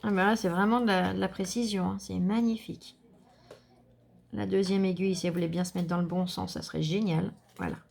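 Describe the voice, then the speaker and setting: Gushing French woman with a gravelly voice. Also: lowish voice, steady tone, a little fast, darkish tone, a little hiss or hum. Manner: gushing, enthusiastic, chatty. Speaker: scrapbooking vlogger. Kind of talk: casual unboxing chat to viewers.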